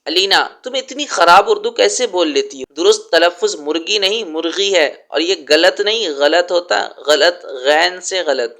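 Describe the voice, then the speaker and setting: A man's voice: high voice, lively intonation, pushed and bright, heavily acted. A man voicing a strict aunt who keeps correcting her niece's pronunciation, stretching out sounds to stress them. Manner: stern, corrective, drawn-out emphasis on sounds.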